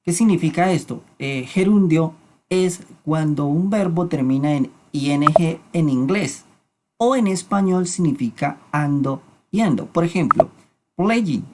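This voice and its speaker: Language teacher, lesson narration, very slow pace, repeats words for pronunciation, spoken example sentences. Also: medium pitch, animated, background noise. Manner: alternates explanations with spoken English examples. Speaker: English teacher.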